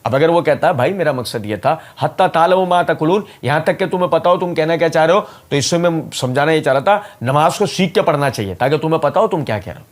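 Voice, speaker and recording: A man with a fairly high voice gives a polemical religious rebuttal. He is emphatic and leans into sarcasm and mockery as he argues. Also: expressive, hardly any pauses. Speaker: religious speaker giving a rebuttal.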